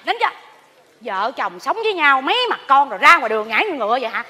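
A woman's voice: high voice, fast talker, breathy edge, heavily acted. An actress playing a gossipy woman who sweeps leaves at a temple, in a live stage comedy. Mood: gossiping. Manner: excitable gossip, exclaiming. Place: large theater stage. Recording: stage hall with audience.

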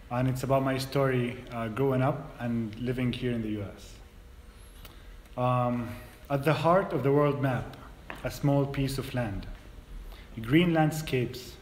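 A man in his thirties from Palestine, a native Arabic speaker, giving a measured personal talk as a guest speaker in a church hall. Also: mid-range voice, a little hiss or hum. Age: 30s. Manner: measured, hesitant at first then steady storytelling. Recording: roomy hall echo.

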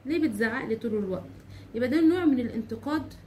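A woman teacher with an Egyptian Arabic accent explaining English grammar, saying example sentences slowly and repeating them. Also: on the high side, expressive, a little mellow, a little hiss or hum. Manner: slow drawn-out English examples, repeats phrases, asks rhetorical questions.

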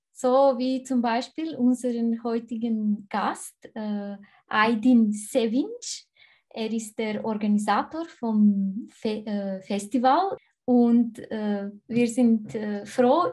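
A woman's voice: a little high, darkish tone. A woman in her forties interviewing a guest over a video call, hesitating often with fillers. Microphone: webcam on a video call.

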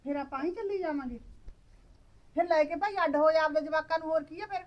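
A woman with a Punjabi accent playing a sharp-tongued village mother-in-law who scolds fast and loud. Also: high voice, lo-fi sound, close to an everyday voice. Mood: grumbling. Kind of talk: village family drama acting.

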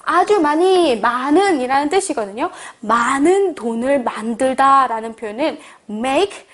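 Woman English teacher with a high voice, patient, repeats lines slowly for learners, keeps checking in. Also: animated, fairly bright tone. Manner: checks in often with friendly prompts. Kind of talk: beginner English lesson.

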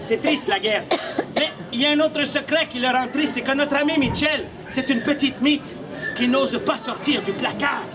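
A Canadian street puppeteer with a very high voice tells comic stories to a live audience in a theatrical, mock-serious style at normal speed. He performs on a cobbled street beside a stone wall outdoors, with music in the background and a noisy crowd.

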